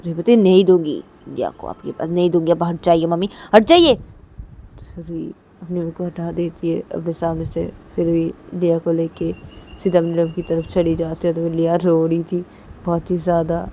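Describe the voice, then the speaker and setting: A woman's voice: deep voice, warm tone, a little hiss or hum. A woman narrating a story in a plain, repetitive retelling style.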